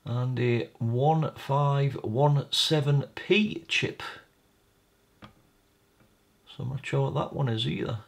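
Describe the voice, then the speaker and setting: Slow and gravelly, with frequent pauses, a man of medium pitch narrates a repair video from his indoor workbench. He describes his hands-on tinkering in a casual, tentative, think-aloud style.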